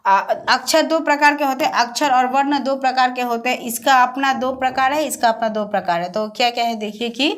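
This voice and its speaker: A woman with a high, light voice explains grammar rules step by step like a classroom teacher. She keeps repeating key terms and asking the listeners questions that she answers herself. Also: fairly bright tone. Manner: repetitive, asks and answers own questions. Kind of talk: classroom-style explanation over slides.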